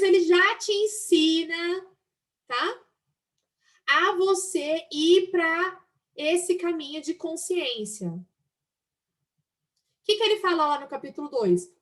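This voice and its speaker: High-voiced woman teaching a lively class. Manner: acts out inner voices, lively and expressive. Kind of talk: online class on a self-help book.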